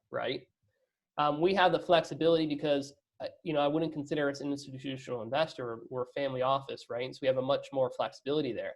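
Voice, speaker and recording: A man with a mid-range voice appears as an investor guest in a casual business interview, speaking conversationally and frequently tacking on "you know" and "right?"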